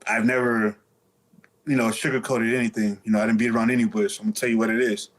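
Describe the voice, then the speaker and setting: A man's voice: on the low side, flat delivery, fast talker, rough recording. A man speaking candidly as an interview guest, telling stories casually in streetwise slang with some swearing.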